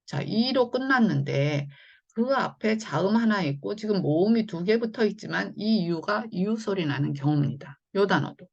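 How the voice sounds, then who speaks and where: Gravelly-voiced woman teaching phonics. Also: medium pitch, lively intonation, highs cut off. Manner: patient, explains slowly with many fillers. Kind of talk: online phonics lesson.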